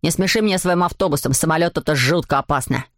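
A woman reading aloud voices a hot-tempered schoolboy who brags and shouts. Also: low-pitched, quick pace, dry recording, clean studio sound, voice pushed down. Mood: boastful. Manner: shouting, bragging.

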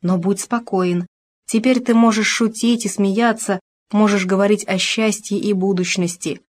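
A woman's voice: medium pitch, fairly even intonation, unhurried, natural voice. A woman reading the lines of an anxious, loving young noble bride in an audiobook, with urgent, emotional pleading.

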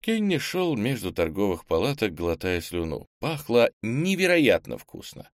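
A man narrating a novel as an audiobook in calm, even storytelling. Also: lowish voice, unhurried, no room sound, clean studio sound. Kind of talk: scripted narration.

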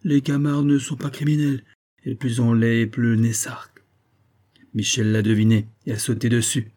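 A man voicing a cheerful, cocky male amateur detective, chatty and lively. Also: mid-range voice, moderate pace, lightly acted.

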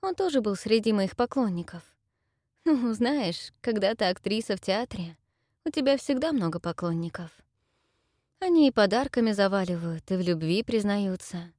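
A woman voicing a timid, tearful young widow who once acted on stage, speaking softly and pleadingly. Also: medium pitch, expressive, normal speed, no room sound, clean studio sound, natural voice. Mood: confessing. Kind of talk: audiobook character voice.

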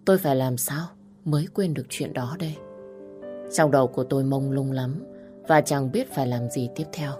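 A woman narrating an audiobook in a calm, measured, polite way. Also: extremely low pitch, soft background music. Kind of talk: scripted story narration.

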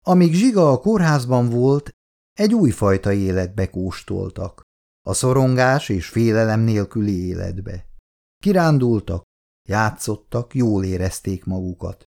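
Low, gravelly male storyteller. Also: animated, a little mellow. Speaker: narrator. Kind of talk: storybook reading of a novel.

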